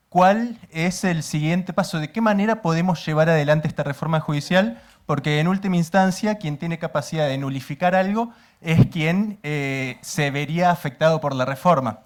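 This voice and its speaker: A man in the audience of a panel, earnestly and carefully posing an open question to the speakers. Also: a little high. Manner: earnest, measured, uses inclusive language. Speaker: audience member asking a question. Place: university auditorium.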